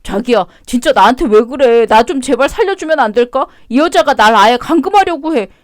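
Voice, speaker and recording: A woman's voice: sits high, animated, a little fast, dry recording, clean studio sound. A woman voicing a cheating middle-aged husband who whines and begs desperately. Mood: pleading. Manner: pleading, whiny.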